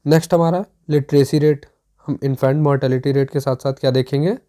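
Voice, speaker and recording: A teacher with a dark, mellow voice runs through an exam revision lesson. The teacher explains step by step and keeps checking that the class is following. The voice sits in the middle of the usual pitch range. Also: fairly even intonation, a little fast.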